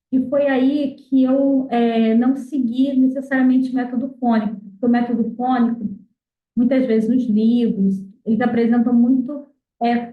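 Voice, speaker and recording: A Brazilian woman explaining how she taught her son to read, patient and explanatory with frequent fillers. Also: high voice. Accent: Brazilian Portuguese. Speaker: mother teaching her child to read. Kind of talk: explanatory talk on literacy. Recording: echoey, distant, phone-like audio.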